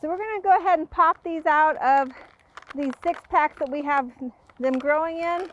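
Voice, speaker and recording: A woman's voice: high voice, moderate pace, fairly bright tone, muffled recording, slight background noise. A woman who hosts a gardening show, explaining planting steps in a friendly way and interviewing a guest. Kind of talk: instructional gardening talk and interview.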